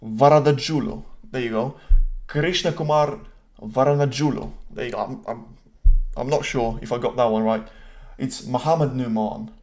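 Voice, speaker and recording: A man's voice: medium pitch, steady tone, moderate pace, a little mellow. A man hosting a live stream, giving casual commentary and reading viewer comments aloud, with rambling, self-deprecating asides. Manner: chatty, reads viewer comments aloud and answers them.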